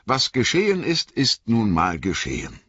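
A man's voice: lowish voice, normal speed, breathy edge, dry recording, pitched above the performer's own voice, heavily acted. A man voicing a chatty, flustered innkeeper in an audiobook reading, rambling and apologetic. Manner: rambling, apologetic, lively storytelling. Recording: dull lo-fi recording.

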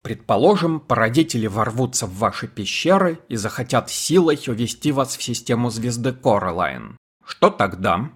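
A polite, relentless interrogator, read by a male audiobook narrator, pressing question after question with a calm, courteous edge. The voice is a mid-pitched, husky baritone that stays measured and insistent. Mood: probing.

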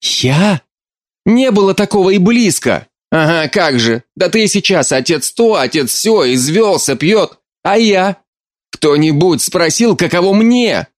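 Guy doing a crying mom, high wobbly voice, dry close audiobook sound. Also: very animated, moderate pace, darkish tone, no room sound. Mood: sobbing. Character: distraught middle-aged mother, weeping and pleading.

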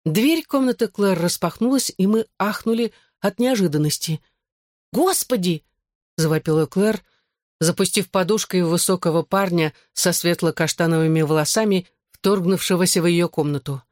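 An audiobook narrator reading a novel with even, measured narration. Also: mid-range voice, dry recording, clean studio sound. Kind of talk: scripted narration.

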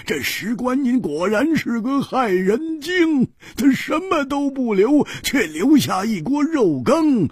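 A male storyteller voicing a boisterous, hot-tempered swordsman who shouts and laughs in a high, strained voice. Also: breathy edge, no room sound, studio quality, full character voice.

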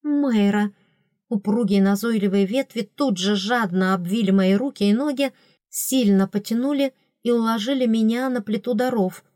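Woman narrator, middle-pitched voice, expressive first-person audiobook read, dry booth sound. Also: no room sound. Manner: expressive, voicing characters with raised pitch.

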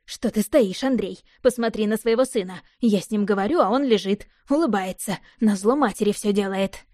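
A woman's voice: normal speed, dark tone, no echo, lightly acted. A woman voicing a distraught middle-aged mother who scolds her son, reproachful and close to tears. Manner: shrill, reproachful, near tears.

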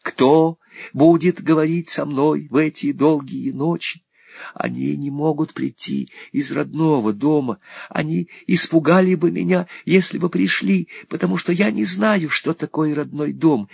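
A man's voice: steady tone, a little slow, creaky, darkish tone, husky, dry recording, exaggerated voice. A man doing a terrified trembling young outcast. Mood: anguished. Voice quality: high, trembling, pleading. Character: frightened ragged young man, timid and broken.

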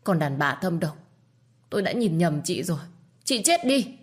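A woman's voice: deep voice, moderate pace, breathy edge. A woman voices a weakened young wife in a spoken story. She cries out in anguish, her voice lifted and strained. Grief and anger pour through every line. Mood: furious. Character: weak grieving young wife, distraught.

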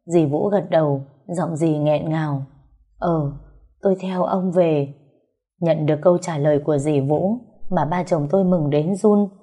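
Woman, first-person story narration, mellow, husky, wry. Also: fairly low pitch.

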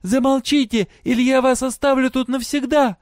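A man voicing a bold, desperate young girl who searches for her father, with shrill, urgent shouting. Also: normal speed, dry recording, studio quality.

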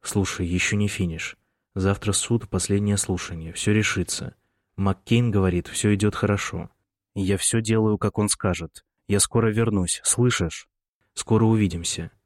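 A desperate young prisoner pleads down the phone in a hushed, urgent voice, read by a man. The voice sits low and the recording is dry and close, like a storybook reading. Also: fairly even intonation, moderate pace, dry recording, lightly acted.

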